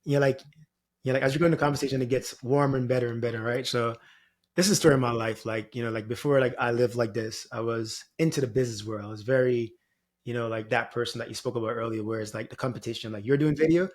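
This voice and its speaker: A Jamaican spiritual guide talks fast at a medium pitch with fairly even intonation. As a podcast interview guest, he reflects in a loose, meandering way, often dropping in "you know" and "like."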